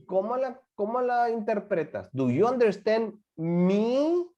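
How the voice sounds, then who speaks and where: Animated teacher. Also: medium pitch, takes it slowly. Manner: repeats and acts out example phrases. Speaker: English teacher. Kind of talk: classroom lesson. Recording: dull lo-fi recording.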